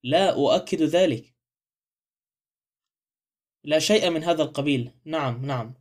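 A man voicing a flustered, eager young husband in a read-aloud novel, with quick, questioning delivery. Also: on the high side, close to an everyday voice. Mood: agitated. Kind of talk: audiobook character reading.

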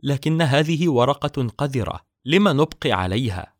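A man's voice: medium pitch, expressive, moderate pace, no echo, clean studio sound, voice pushed up, close to an everyday voice. A man voicing a timid, frightened young maidservant in a storybook reading, pleading and fearful.

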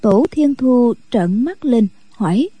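Narrating a story for radio, a woman speaks steadily and with measure, her very dark, mellow tone edged with huskiness and set somewhat higher than typical for women. She is recorded close, with no room sound.

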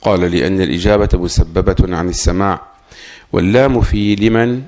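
Deep, gravelly man reading a text. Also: a little mellow. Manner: reads formally, with a measured cadence. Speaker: student reading the text aloud. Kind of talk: formal reading aloud.

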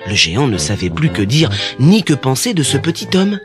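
A man narrating a children's fairy tale in an expressive, animated way. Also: medium pitch, moderate pace. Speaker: storyteller. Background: music.

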